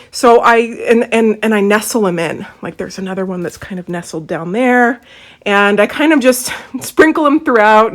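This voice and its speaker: An American woman talking casually and chattily, narrating a vlog as she shows people around. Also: medium pitch. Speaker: vlogger, doll shop owner. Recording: faint background noise.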